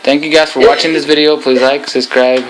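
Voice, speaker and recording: A man's voice: a little high, level tone, fairly quick. A young man hosting a casual reaction video, talking into a tablet in a room at home. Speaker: vlog host. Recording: noisy, clicky home recording.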